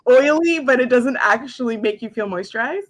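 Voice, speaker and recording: A woman's voice: fairly high pitch, animated. A woman in her forties, a makeup artist and skincare specialist, chatting casually on a live stream from home and filling her talk with "like". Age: 40s. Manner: chatty, heavy use of "like", quick asides. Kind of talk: casual live product chat.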